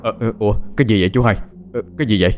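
Man doing a flustered old grandpa, low voice, lots of "uh" before barking orders. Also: very fast, slight background noise, close to an everyday voice. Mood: urgent. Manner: hesitant "ờ" fillers, urgent commands. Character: startled old grandfather, urgent and protective.

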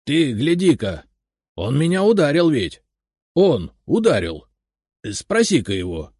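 A man reading a story aloud, voicing a cranky, mocking old grandfather in a raised, shrill voice. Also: sing-song, a little slow, a little mellow, husky, no room sound, studio quality, exaggerated voice. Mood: scandalized.

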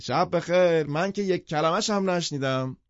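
A man narrating an audiobook who voices an aloof young sportswoman, speaking in a brisk, detached and offhand way. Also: medium pitch, darkish tone, no room sound, lo-fi sound, voice pushed up, close to an everyday voice.

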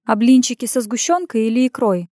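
A woman's voice: a little high, lively intonation, brisk, warm tone, no echo, studio quality. A woman voicing a shy but proud young woman who answers back with sulky, teasing replies.

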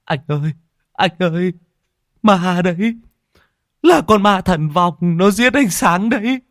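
A man's voice: medium pitch, unhurried, no room sound, clean studio sound, voice pushed up. A man voicing a frightened younger brother who is crying and pleading in panic. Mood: terrified, pleading.

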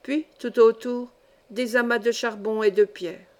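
Female audiobook narrator, measured storytelling, slightly high voice. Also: steady tone, a little mellow. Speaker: audiobook reader. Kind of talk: scripted narration.

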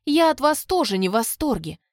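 A bold young heroine answers back with crisp, mocking words, played by a woman narrator. Her pitch moves lively, and the sound is dry and close, as in an audiobook. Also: fairly quick, dry recording. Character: defiant, sharp-tongued young heroine. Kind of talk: audiobook reading.

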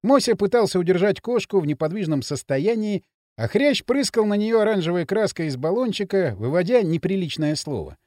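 A man narrating an audiobook in an expressive reading voice on a close mic. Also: high-pitched, fairly quick, no echo.

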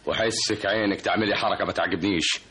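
A man's voice: on the low side, fairly even intonation, quick pace, sharp tone. An actor playing a sneering henchman in an old radio drama, with an Egyptian accent. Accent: Egyptian Arabic. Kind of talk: vintage radio drama acting. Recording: very hissy old tape.

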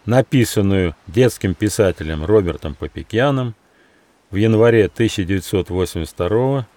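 A man narrating his own children's fairy tale as an audiobook, in an expressive storytelling manner. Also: fairly low pitch, moderate pace, no echo. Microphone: studio mic.

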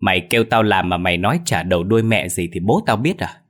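A man voicing a cowardly male thief who grumbles and frets in quick, nervous speech. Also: low voice, lively intonation.

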